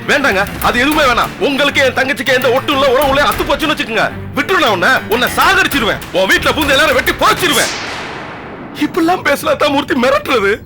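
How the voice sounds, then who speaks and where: Brief: earnest pleading brother, high and quick, clear score behind. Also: male voice. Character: pleading older brother defending his sister. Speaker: older brother. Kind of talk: TV serial acting. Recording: background score music. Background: background score music.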